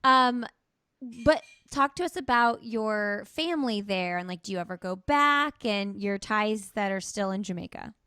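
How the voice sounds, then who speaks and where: Smooth-voiced woman podcast host. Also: mid-range voice, lively intonation, a little slow, sharp tone, dry recording, clean studio sound. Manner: rambling, hesitant question phrasing. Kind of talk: interview questions.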